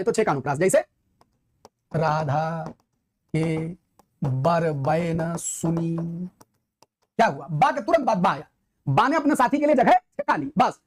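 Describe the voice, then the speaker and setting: A woman's voice: fairly high pitch, a little mellow. A woman teaching a grammar lesson, explaining with everyday examples, asking rhetorical questions and repeating key points with emphasis. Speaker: Hindi literature teacher. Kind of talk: classroom-style grammar lesson.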